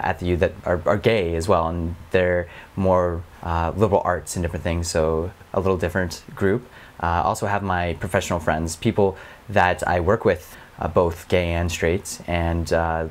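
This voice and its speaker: Young man, interviewee: low voice, hesitant, filler-heavy. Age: 20s. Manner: hesitant, many ums and uhs. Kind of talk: documentary interview.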